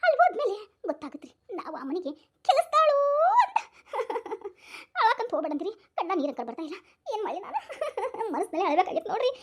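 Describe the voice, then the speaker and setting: A woman's voice: very high-pitched, very animated, brisk. A woman playing a melodramatic young wife who fake-cries about her in-laws, speaking with a North Karnataka Kannada accent in a comic skit. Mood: mock-weeping. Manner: wailing, sobbing theatrically while joking.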